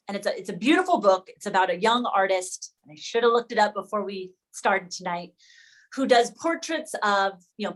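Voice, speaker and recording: In a rough recording, a woman with a medium-pitched voice leads an informal online discussion among educators on a video call. She thinks out loud and keeps revising what she's just said.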